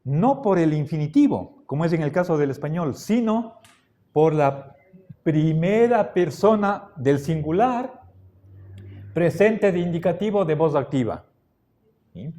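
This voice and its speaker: A male teacher giving a Latin grammar lecture at an unhurried, careful pace, in a voice pitched somewhat high for a man. He repeats each form and keeps checking in with his students. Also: lively intonation, mellow. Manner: slow and deliberate, repeats forms, keeps checking with the class. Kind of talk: classroom lecture.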